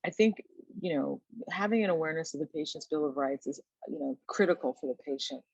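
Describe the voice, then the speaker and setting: A woman's voice: sits low, fast, vocal fry, darkish tone, slightly rough, no room sound, muffled recording. A woman guest in a podcast conversation, speaking thoughtfully and often checking in with a tag question.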